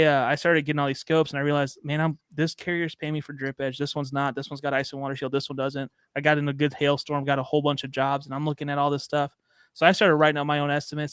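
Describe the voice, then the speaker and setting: A man in his thirties from Chicago, USA, is a guest on a podcast, chatting casually and telling stories with relaxed slang. His voice is on the high side with a clean tone, recorded as clean studio sound with no room sound.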